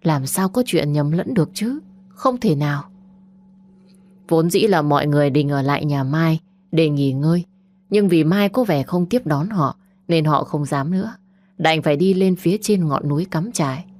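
Low-voiced woman narrating. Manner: calm, measured storytelling. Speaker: audiobook narrator. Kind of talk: scripted narration. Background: faint music.

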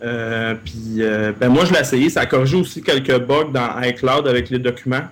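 A man's voice: mid-range voice, fairly quick. A man with a Québécois accent chatting casually as a podcast co-host, colloquial and often repeating words. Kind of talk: casual tech chat.

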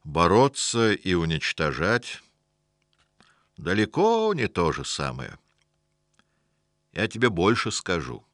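A man's voice: low-pitched, wildly swooping pitch, slow pace, long pauses, a bit bright, no echo, studio quality, full character voice. A man voicing a sardonic, weary old miracle-worker. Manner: sardonic, grumbling.

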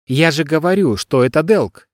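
A man voicing an electronic secretary, soft-spoken, formal and level. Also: fairly high pitch, lively intonation, moderate pace, no echo, clean studio sound, pitched above the performer's own voice, lightly acted. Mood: calm. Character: electronic secretary, male, polite, calm machine.

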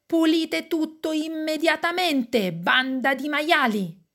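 A woman's voice: high-pitched, slow pace, a little hiss or hum, voice pushed up, full character voice. A woman voicing an exasperated father who scolds his three unruly children in a storybook. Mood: shouting. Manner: shouting, scolding.

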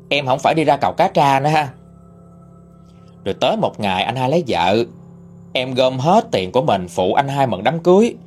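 A man narrating a first-person story in an expressive, indignant manner. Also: mid-range voice.

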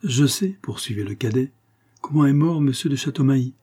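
A man's voice: mid-range voice, expressive, fairly quick, dark tone, breathy edge, voice pushed up. A man reading the part of a secretive, teasing young male guard cadet in a storybook. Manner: insinuating, playful, secretive.

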